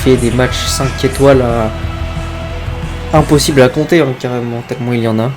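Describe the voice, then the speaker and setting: A man's voice: mid-range voice, fairly even intonation, moderate pace, over music. A man working as a wrestling commentator, calling the action play-by-play and exclaiming at big moves.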